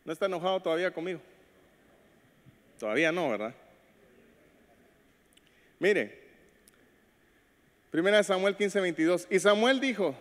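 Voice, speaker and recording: A man delivers a sermon as pastor, his fairly high voice ringing through a hall with long reverb. He speaks directly to the congregation and acts out the voices of the people in his stories. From Latin America. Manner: preaches with acted quotes and call-outs to the congregation. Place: church sanctuary.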